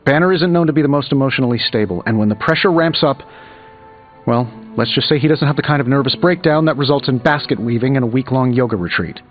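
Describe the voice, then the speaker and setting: A man's voice: medium pitch, quick pace, lo-fi sound, faint music behind, natural voice. A man playing a cocky, wisecracking genius inventor superhero in a video game, with a glib, sarcastic delivery. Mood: concerned, wry. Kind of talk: video game dialogue, quippy banter.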